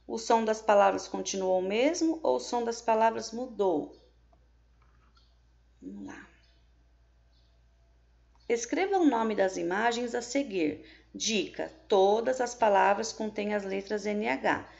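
A woman's voice: medium pitch, measured pace, vocal fry, pauses often, darkish tone, dull audio. A woman with a Brazilian Portuguese accent, teaching a remote lesson to young pupils and explaining each step patiently, with frequent checks. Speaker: primary school teacher.

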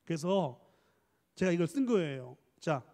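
A man giving a lively church lecture on counseling, coaxing the audience to read aloud and answer, switching between polite and casual speech. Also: fairly high pitch, in a large hall. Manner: mixes polite and casual speech, quick asides. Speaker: professor leading a church training lecture.

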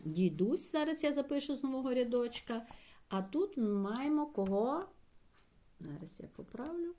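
A woman teacher giving a patient primary school language lesson, explaining slowly and spelling out words syllable by syllable for her pupils. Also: high-pitched, animated, mellow. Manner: slow, patient explaining, addressing pupils directly.

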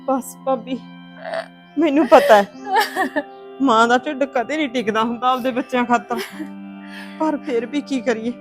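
A high-pitched, gently reassuring woman, played by an actress who comforts a grieving relative in a family drama. She talks things through patiently, with soft music faint in the background. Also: measured pace, long pauses. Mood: soothing. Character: steady woman comforting her grieving sister-in-law. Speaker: consoling sister-in-law. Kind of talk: Punjabi family drama acting.

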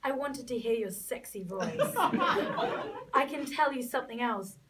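A woman's voice: on the high side, moderate pace, a loud crowd, close to an everyday voice. A woman reading a giggly scheming girlfriend. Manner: giggly, breaking into laughter. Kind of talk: live staged script reading. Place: cinema hall with audience. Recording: distant phone recording in a hall, loud noise.

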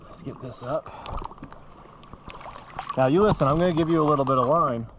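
A middle-aged man vlogging outdoors while standing waist-deep in a river, talking bluntly and swearing freely, recorded on an action camera. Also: normal speed. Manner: blunt, swears freely, talks straight to viewers. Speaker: fishing vlogger. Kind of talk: casual outdoor vlog. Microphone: action camera mounted on the kayak. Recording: outdoor camera audio with water noise.

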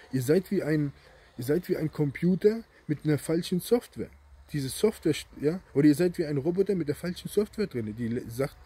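Very husky man ranting emphatically. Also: on the high side, warm tone. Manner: emphatic, rambling, constant "ja?" tags. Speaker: online commentator. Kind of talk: ranting monologue to viewers.

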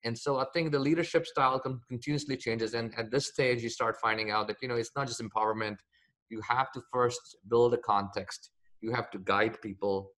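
Speaking at medium pitch with a steady, fairly bright tone and a slightly quick pace, this middle-aged founder from India fields interview questions on a video call. He has an Indian accent and hesitates often, using many fillers and restarting sentences. He sits in a home office with bookshelves and a window at his back.

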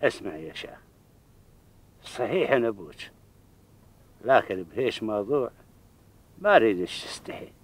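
An actor in his sixties playing a kindly old father in a television drama, with a Bedouin Arabic accent and a paternal, measured manner. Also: lowish voice, big pitch swings. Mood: gentle, solemn. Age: 60s.

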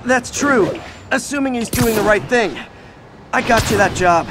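A man's voice: extremely high pitch, animated, measured pace, background noise. A man playing a young, wisecracking, caring superhero in a dramatic video game. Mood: earnest, supportive. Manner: quippy, earnest.

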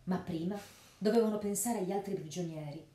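A woman doing a hushed, urgent outlaw. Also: on the low side, brisk, lightly acted. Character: loyal big male outlaw, hushed and brisk. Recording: roomy echo.

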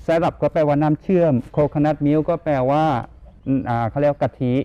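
A man's voice: fairly high pitch, flat delivery, measured pace, clean tone, no room sound, muffled recording. A man with a Thai accent teaching a bilingual classroom lesson, drawing out words and coaxing students to repeat them. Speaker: teacher running a cooking class. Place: school classroom.

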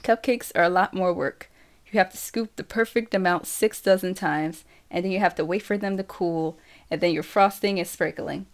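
A woman reading a first-person novel aloud for an audiobook, slow and steady. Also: lowish voice. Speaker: audiobook reader.

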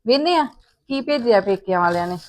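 A sharp-tongued young Punjabi daughter-in-law in a family drama, acted by a woman. She speaks high and quickly, full of accusation and sarcasm. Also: animated, close to an everyday voice. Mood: grumbling. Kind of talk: amateur family drama acting.

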